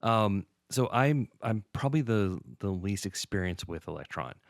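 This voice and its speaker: A man co-hosting a music gear podcast in casual chat, relaxed and rambling, often laughing. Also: on the low side, moderate pace, gravelly, no echo, clean studio sound. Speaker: podcast co-host.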